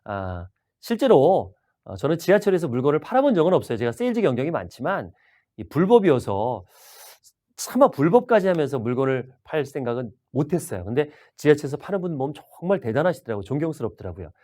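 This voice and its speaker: Lively fast-talking male sales trainer. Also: on the high side. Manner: animated, asks the audience questions. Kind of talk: video lecture.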